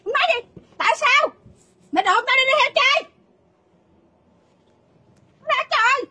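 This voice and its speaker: A woman's voice: lively intonation, normal speed, pushed and bright, a little hiss or hum, exaggerated voice. A woman playing a neighbor wrongly accused of running off, protesting in a comedy sketch. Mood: indignant. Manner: shrill, protesting complaints.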